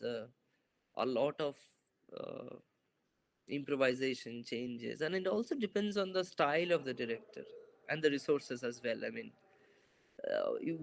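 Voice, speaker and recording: Over laptop-camera video call audio of low quality, a young man who makes films responds to interview questions, hesitant and reflective, full of fillers and false starts. His mid-range voice is creaky, and he's sitting in a bright indoor room.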